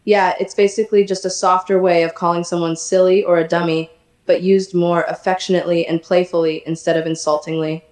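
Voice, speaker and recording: A synthetic text-to-speech woman's voice playing a sassy, energetic female poodle chatbot, chatty and teasing. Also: lowish voice, brisk, roomy sound. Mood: playful.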